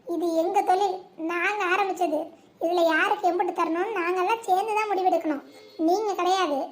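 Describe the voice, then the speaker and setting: Cartoon character, acted village elder sister, very high shrill voice, bossy, generous, loud. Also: female voice, brisk. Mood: firm. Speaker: lead sister running a home business.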